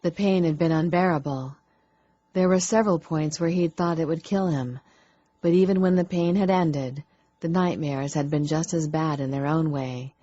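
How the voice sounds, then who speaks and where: Woman reading an audiobook, low mellow voice, dry dull sound. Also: moderate pace, no room sound. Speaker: audiobook narrator. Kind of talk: scripted narration.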